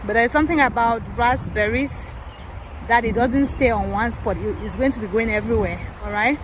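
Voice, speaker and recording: A woman's voice: on the high side, normal speed. A woman from Cameroon giving a casual tour of her garden, chatting to viewers as she walks. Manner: chatty, addresses viewers as guys. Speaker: gardening vlogger. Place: outdoor garden, windy. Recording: wind and traffic noise outdoors.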